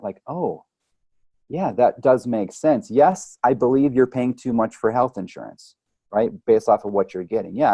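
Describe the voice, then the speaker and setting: His voice is medium in pitch and mellow, captured in a dry recording. The speaker is a chiropractic or holistic health practitioner on a podcast, talking in a conversational interview style, illustrating points with analogies and frequently checking in with "right?"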